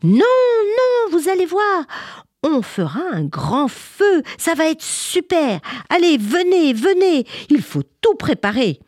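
An eager little girl, as a woman storyteller puts her on, high-pitched and coaxing. Her voice leaps up and down in a lively way. The sound is dry and close. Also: takes it slowly, no echo, exaggerated voice. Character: excited little village girl with an idea.

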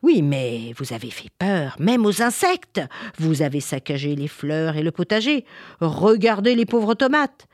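A woman's voice: low voice, big pitch swings, unhurried, no room sound, clean studio sound, exaggerated voice. A woman voicing a panicked mother who scolds her children in a storybook tale. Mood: scolding. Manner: exclamatory, rising questions.

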